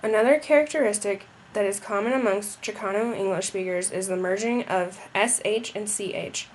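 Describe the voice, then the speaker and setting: A woman's voice: mid-range voice, moderate pace. Young woman, student presentation, read aloud, small restarts, faint background hum. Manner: reading, occasional slips and restarts.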